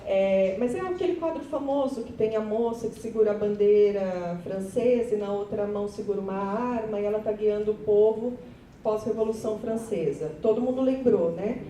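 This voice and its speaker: A woman's voice: moderate pace, warm tone. A woman teacher with a Brazilian Portuguese accent presents her class project to fellow teachers, chatty and nervous, often turning to the audience. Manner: nervous, chatty, self-deprecating, addresses audience. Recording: echoey hall, voice from far off, faint rumble.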